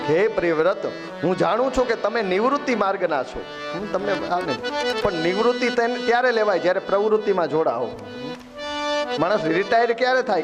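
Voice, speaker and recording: High-voiced storyteller preacher, faint music. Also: male voice. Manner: storytelling, voicing characters in dialogue. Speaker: Bhagavat katha preacher. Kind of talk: devotional scripture storytelling sermon.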